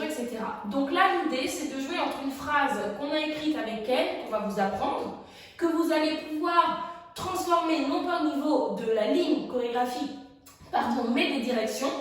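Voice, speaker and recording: A woman's voice: high voice, a little hiss or hum. A woman teaching a dance routine, giving firm and precise instructions and sometimes singing a phrase. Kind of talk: dance tutorial explanation. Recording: echoey studio from far off.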